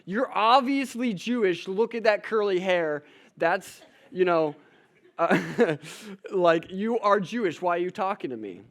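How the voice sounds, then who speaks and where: A man putting on a high, incredulous Samaritan woman. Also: expressive. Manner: exclaiming, fast rising questions.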